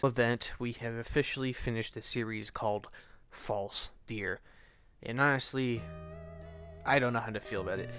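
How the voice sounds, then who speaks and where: With a fairly low pitch but a fairly bright tone, a young host and video reviewer runs through a casual recap. He's sarcastic, offhand and sweary, and his home recording carries a lot of noise.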